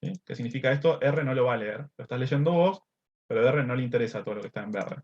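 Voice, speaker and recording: Teacher with a dull lo-fi sound. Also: male voice, medium pitch, quick pace, darkish tone. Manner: explains step by step, checks in with "¿sí?" and "este". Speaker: math teacher. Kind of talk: screen-recorded coding lesson. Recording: slightly dull lo-fi audio.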